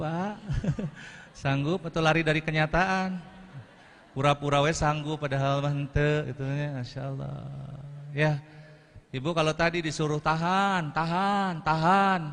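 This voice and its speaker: A man gives a lively motivational talk. He coaches the audience through breathing exercises and adds frequent Islamic interjections. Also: on the high side. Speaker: motivational speaker. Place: TV studio with a live audience. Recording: live TV studio broadcast with reverb.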